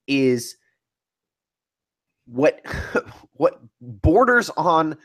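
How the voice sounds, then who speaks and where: A man's voice: medium pitch, fairly bright tone. A man co-hosting a podcast, debating heatedly in a casual, emphatic way and often restarting his sentences. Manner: emphatic, argumentative, restarts mid-thought.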